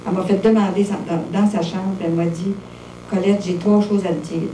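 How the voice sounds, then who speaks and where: A woman's voice: medium pitch, steady tone, fairly quick, warm tone, a little hiss or hum. A Québécois woman in her fifties, giving a plain-spoken personal testimony full of little fillers. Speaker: testimony speaker. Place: monastery room with visitors. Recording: roomy echo, distant mic, faint ambience.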